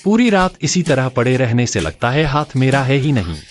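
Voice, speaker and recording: A man's voice: medium pitch, very animated, moderate pace, soft background music, lightly acted. A man voicing a flustered, exasperated young male lead in a dubbed drama.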